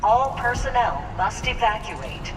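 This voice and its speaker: A high, even female computer voice repeats a reactor meltdown alarm over a loudspeaker. Her flat, measured announcements ring through a long hall-like reverb. A steady rumble of machinery sits under every word. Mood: urgent calm. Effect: automated alarm over a loudspeaker. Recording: reverberant game audio with loud ambience.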